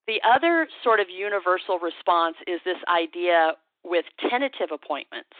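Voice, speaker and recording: A woman's voice: fairly low pitch, lively intonation, moderate pace, no echo. A woman sales trainer, a guest on a phone interview, talking confidently and acting out sales lines. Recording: tinny phone line.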